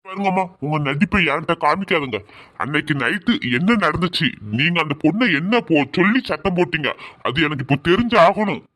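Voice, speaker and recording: A man's voice: fairly high pitch, animated, fairly quick, fairly bright tone. A man playing an angry accusing son. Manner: accusing, indignant. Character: angry young adult son confronting his mother. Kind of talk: family drama skit.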